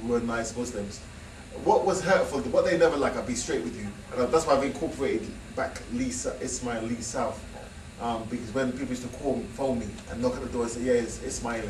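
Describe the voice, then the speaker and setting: A man's voice: mid-range voice, brisk, darkish tone. Frank, rambling man in an echoey hall. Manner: frank, rambling, with laughing asides. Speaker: guest speaker telling his story. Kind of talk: casual storytelling talk. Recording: echoey hall, distant mic, noisy.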